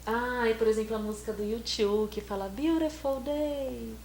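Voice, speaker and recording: A woman's voice: fairly high pitch, moderate pace, a little mellow. Easygoing woman guessing answers. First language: Portuguese. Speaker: co-host playing the student. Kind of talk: casual bilingual lesson chat. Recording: echoey room, faint hum.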